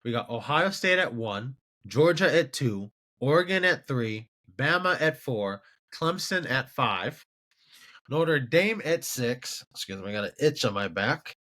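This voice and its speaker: A man hosting a casual sports commentary show, rambling to himself at an unhurried pace. His voice swings widely in pitch, rising sharply whenever he turns incredulous. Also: pushed and bright. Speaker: show host.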